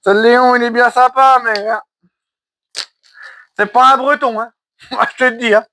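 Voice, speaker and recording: A man's voice: very high voice, fairly even intonation, normal speed, bright, forceful tone, slight background noise. A man hosting a casual unboxing vlog from a caravan, rambling and joking with his viewers in a folksy way. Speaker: YouTube film collector host. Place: caravan at the end of a garden.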